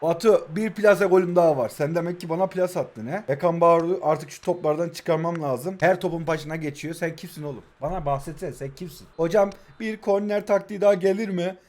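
A young man in his twenties, originally from Kahramanmaraş, who speaks with an Istanbul Turkish accent and has a rather high voice. He commentates a mobile football match live, excitable and jokey, and keeps shouting instructions at his players. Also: a little fast, hardly any pauses. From Kahramanmaraş, Turkey. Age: 20s. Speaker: mobile football gaming YouTuber.

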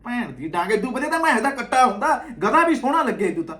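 A man's voice: very high voice, sing-song, quick pace, sharp tone. A man with a Punjabi accent giving mocking, abusive reaction commentary on video clips, often laughing. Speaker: comedy reaction creator.

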